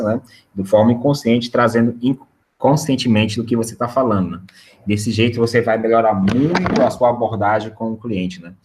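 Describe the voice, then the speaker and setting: Speaking in a fairly low, slightly mellow voice, a man from Brazil delivers a relaxed sales webinar lecture. His style is conversational, and he repeatedly finishes points with an inquiring "né?".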